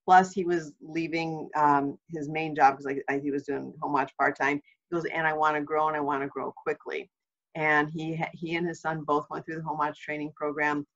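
A woman home watch trainer giving an informational webinar in a chatty, anecdotal way with lively asides. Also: deep voice, normal speed, dull audio.

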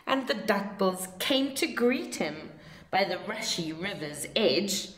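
A woman reading a children's picture book aloud in an expressive, theatrical storytelling manner. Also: medium pitch, roomy sound. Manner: slow, theatrical delivery for children.

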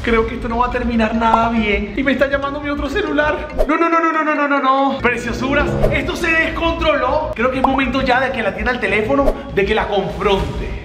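A man filming a prank vlog, talking fast and nervously and repeating himself. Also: very high-pitched, echoey room. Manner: anxious, jumpy, repeats "no, no, no". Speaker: vlogger pulling a prank.

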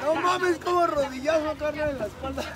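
A man's voice: very high-pitched, fairly quick, very noisy. A man with a Mexican accent cheering and heckling as a spectator, repeating slangy phrases to egg the wrestlers on. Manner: repetitive, slangy, egging wrestlers on. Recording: outdoor recording amid loud crowd. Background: very loud crowd.

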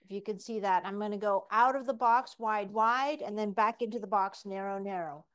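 A woman's voice: mid-range voice, normal speed, clean tone. A woman demonstrating exercises in a workout class, giving form cues with a joking edge. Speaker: fitness instructor.

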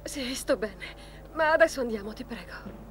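An actress playing a gentle, affectionate, hesitant wife in her thirties in a dubbed film drama. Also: a little high, animated, moderate pace, slight background noise, close to an everyday voice. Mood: shaken, hesitant.

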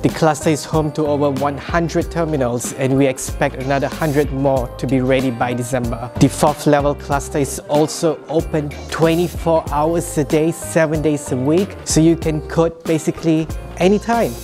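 A man's voice: a little high, fairly even intonation, moderate pace, hardly any pauses. A man guiding a walking tour of a coding campus, cheerful and welcoming with playful asides. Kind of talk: scripted walking tour narration. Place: large open-plan campus building indoors. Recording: music playing behind.

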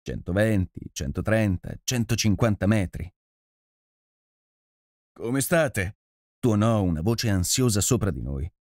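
A man narrating a literary adventure audiobook in a measured, steady storytelling manner. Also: lowish voice, no echo, clean studio sound.

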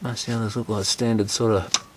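Quick-paced and fairly even in intonation, a man with a fairly low voice narrates a computer teardown at his indoor workshop bench. As an electronics repair host, he thinks aloud casually and keeps his guesses tentative.

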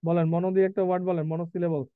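An English vocabulary teacher with a high, smooth, level voice comes through a tinny line in a dry recording. Slowly reading out definitions, he asks his students questions during a live class conducted in a mix of Bengali and English.

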